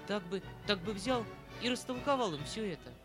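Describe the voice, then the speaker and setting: Fretful aging uncle, retired colonel, read by a man, rambling and pleading, soft music behind. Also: high-pitched, expressive, normal speed, voice pushed up. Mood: tender. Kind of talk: audiobook reading of a classic novel. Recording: faint background music.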